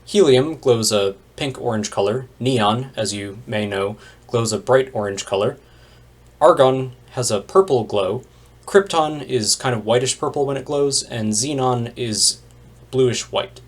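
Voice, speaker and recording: A man's voice: medium pitch, a little slow. Man narrating a chemistry lecture. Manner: plain explanatory delivery with wry asides. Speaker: chemistry instructor. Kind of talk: recorded lecture narration over slides.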